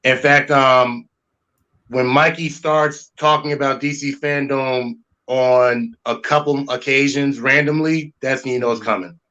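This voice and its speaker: Man from Miami, panel guest, bright tone, relaxed, slangy. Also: medium pitch, unhurried, lo-fi sound. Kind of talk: casual live-stream chat.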